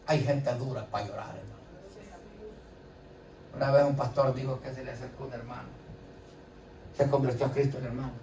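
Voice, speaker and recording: He speaks with a medium-pitched, steady, dark voice, brisk yet with long pauses, delivering a conversational church sermon peppered with rhetorical questions. The sound is distant in an echoey hall, with faint ambience and the congregation responding.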